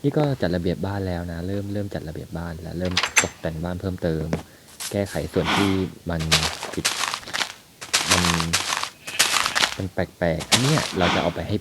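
A man's voice: sits low, moderate pace. A young man chatting casually as he plays a video game, thinking aloud and talking to his viewers. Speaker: gaming YouTuber. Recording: loud background noise.

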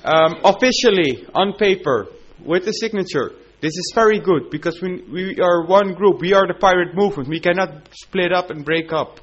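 A man's voice: sits high, normal speed, hardly any pauses, slightly rough. A man speaking persuasively at a conference, announcing news and appealing to the room. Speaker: conference delegate. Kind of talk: conference speech. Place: conference hall. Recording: dull conference-room recording.

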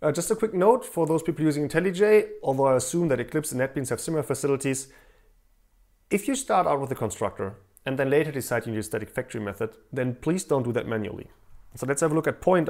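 A man in his thirties teaching programming, explaining code with frequent restarts and fillers. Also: medium pitch. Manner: lively, lots of restarts and uh fillers while explaining. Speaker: programming educator. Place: living room indoors, also outdoors in a park.

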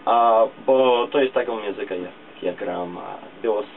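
A low-voiced young man in his 20s to 30s, a native English speaker and musician guest, gives a halting casual interview in a small indoor radio studio, searching for words and mixing in English. The camera recording is dull, distant and lo-fi, with clear noise.

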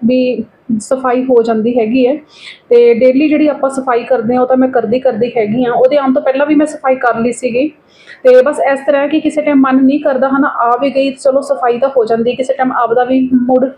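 A woman vlogger with a Punjabi accent chats casually as she goes through her daily routine, frequently tacking on little tag questions. Her voice sits high, and the phone camera recording has the highs cut off.

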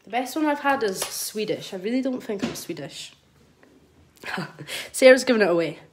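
A nail artist from Scotland, her accent mild, gives a live tutorial at her indoor studio desk, chatting to viewers and reading out their comments as she works. A phone camera over the work table records her animated, mid-range voice at a moderate pace, with background noise present.

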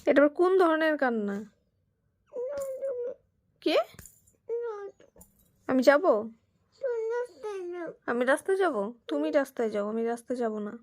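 Woman with a high voice; casual home chat, coaxing and scolding a pet. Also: lively intonation, measured pace, long pauses. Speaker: pet owner.

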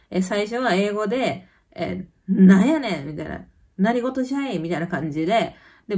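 A woman in her thirties with a Kansai Japanese accent, chatting casually in her vlog and telling everyday stories. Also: mid-range voice. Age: 30s. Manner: chatty storytelling with lively quoted voices. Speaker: vlogger. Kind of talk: casual chat. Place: home in Copenhagen.

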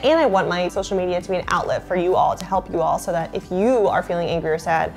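A woman's voice: on the low side, fast talker, a little mellow, faint music behind. Chatty woman in her late twenties. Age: late 20s. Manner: chatty, lots of "like" fillers, bubbly. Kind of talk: casual chat to camera.

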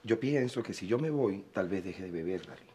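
A calm fatherly man in a telenovela, low-voiced and reassuring. He speaks with quiet firmness. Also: fairly quick. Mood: sad. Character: fatherly man leaving home, steady and gentle. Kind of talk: telenovela acting.

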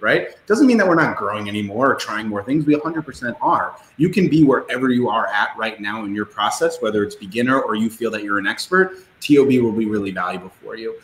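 A man on a podcast as a guest entrepreneur, telling stories in an animated, casual way and swearing freely. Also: on the low side, slight background noise. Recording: roomy echo.

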